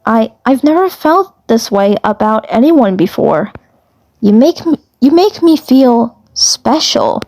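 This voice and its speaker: A woman voicing a smitten, flustered little male alien commander in an amateur fandub, halting and repeating phrases. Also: on the high side, big pitch swings, darkish tone, exaggerated voice. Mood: tender.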